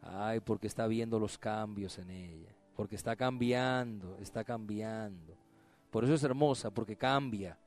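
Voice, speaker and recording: A man preaching a sermon, swinging between emphatic exclamations and quiet, low drops. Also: normal speed, soft background music.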